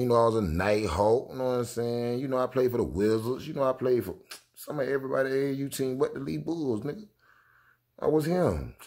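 A young man from Jacksonville, Florida, reacting to basketball clips in loud, profane casual talk. His voice is husky and swings widely in pitch as he keeps breaking into excited shouts. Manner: loud, excitable, swears a lot, bursts into shouts.

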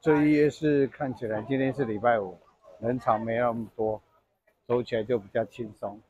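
A man's voice: medium pitch, normal speed, breathy edge, muffled recording. A man casually guiding viewers through an outdoor night market, explaining what is sold as he walks. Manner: relaxed, explanatory, inviting viewers along. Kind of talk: casual walking tour narration.

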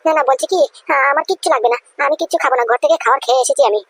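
A woman's voice: sits high, very fast, fairly bright tone, dry recording. A woman voicing a humble, polite young man in a cartoon who stays suspicious. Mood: wary. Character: humble young man, the boss's son-in-law.

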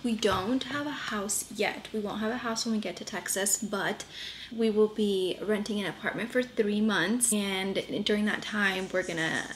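Her voice sits at medium pitch with fairly even intonation and a moderate pace, and there is a little hiss or hum. She's a young adult vlogger talking chattily to the camera with lots of fillers, moving from her kitchen at home to the inside of her parked car.

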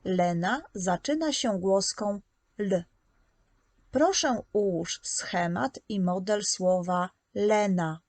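A woman teaches preschoolers in an unhurried, patient voice, sounding out each letter with care. Her mid-range voice is recorded close and dry, with no room around it. She speaks as if guiding small children step by step. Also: mid-range voice, a little mellow, no room sound. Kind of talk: slow, scripted lesson narration.

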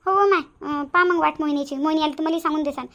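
A woman's voice: sits high, steady tone, fast, fairly bright tone. A woman with a Varhadi Marathi accent voicing a nosy older neighbour woman who chats and gossips. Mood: chatty. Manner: gossipy and chatty.

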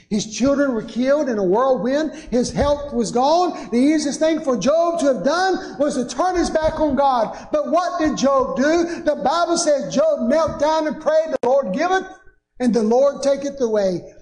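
High-voiced older preacher. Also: male voice, a little mellow. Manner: preaching with rising emphatic bursts and sweeping gestures. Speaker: pastor. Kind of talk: sermon. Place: church sanctuary at a pulpit. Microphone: pulpit microphone. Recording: echoey church sanctuary.

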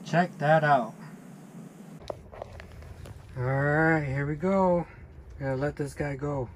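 Speaking slowly and steadily in a slightly high voice, this thirty-something man vlogs about fishing from a tiny ice shanty, easygoing and full of "dude" and "man." An action camera fixed inside catches him, with music playing behind and a faint hiss or hum.

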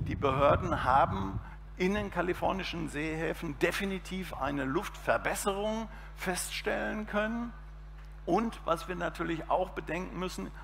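A man in his fifties with a fairly high, slightly bright voice and some vocal fry speaks on a conference panel at an outdoor event stage, gesturing animatedly. The audio comes through a reverberant PA with faint background noise.

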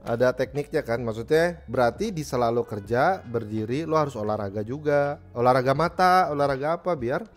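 A man's voice: medium pitch, brisk, hardly any pauses, soft background music. A man, a livestream host who reads viewer messages and gives joking, slangy advice. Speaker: streamer reading viewer messages. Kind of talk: casual livestream chat.

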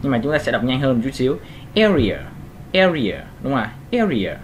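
A man at a medium pitch giving a casual pronunciation lesson. He talks patiently, repeats each sound slowly and keeps asking his listeners whether they follow. A faint hiss sits under his voice. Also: fairly even intonation. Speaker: English pronunciation teacher.

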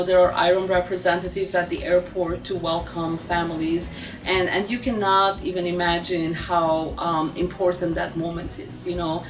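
A woman's voice: lowish voice, recorded from a distance, rough recording. A middle-aged woman in an office interview, speaking earnestly with frequent "you know" and "um". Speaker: refugee agency staff member. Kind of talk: documentary interview. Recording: music under the voice.

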